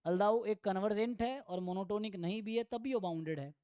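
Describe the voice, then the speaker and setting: Clear-voiced math tutor, dry close mic. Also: male voice, high-pitched, darkish tone, no room sound. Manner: thinks aloud, mixes Hindi with English terms; reads theorem statements slowly. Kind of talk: online exam-prep lecture.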